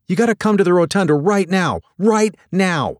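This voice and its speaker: A man's voice: big pitch swings, moderate pace, dry recording, studio quality. A man doing a flustered young woman docent. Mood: frantic urgent. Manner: high, breathless and urgent.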